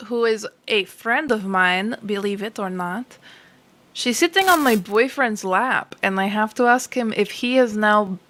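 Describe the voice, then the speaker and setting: A woman's voice: a little high, a bit bright. A woman playing a tabletop game, talking casually as herself and as her character.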